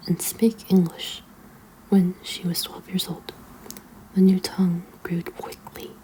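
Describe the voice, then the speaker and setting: A woman reads a children's book aloud as ASMR in a hushed, librarian-like whisper. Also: lowish voice, rough recording. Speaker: ASMR reader.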